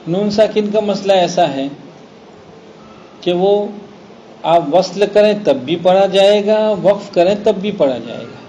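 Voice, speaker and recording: A man teaching a Quran recitation class. He explains slowly, draws out the example words and checks that students follow. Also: high voice, warm tone. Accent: Gujarat Urdu. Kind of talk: classroom lesson. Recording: dull lo-fi classroom recording with faint noise.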